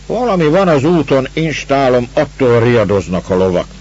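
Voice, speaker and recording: A man's voice: medium pitch, sing-song, darkish tone, breathy edge, pitched above the performer's own voice. A man doing a wary country coachman. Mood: uneasy. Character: rustic male coachman, wary, deferential. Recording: dull lo-fi recording, faint hiss.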